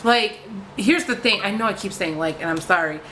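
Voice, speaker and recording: Woman vlogger, casual rant, frustrated, swearing, bright forceful voice, faint hiss behind. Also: medium pitch, moderate pace, poor audio. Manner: frustrated, swears freely, many fillers.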